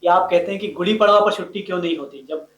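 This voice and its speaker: A man interviewing a guest with quick, probing questions. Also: high-pitched, fairly bright tone. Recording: roomy, echoey sound.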